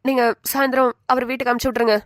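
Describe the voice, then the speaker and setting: A woman voicing a brisk, teasing female lawyer in a cartoon. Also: high voice, little pitch movement, no room sound, clean studio sound, pitched above the performer's own voice, natural voice.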